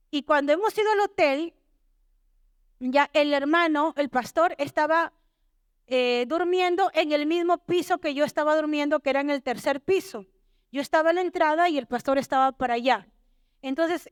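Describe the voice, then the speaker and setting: A woman giving a church testimony, telling her story with animated storytelling and acting out what others said to her. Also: sits high, no room sound, clean studio sound. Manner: animated storytelling, acts out quoted dialogue. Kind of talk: testimony sermon.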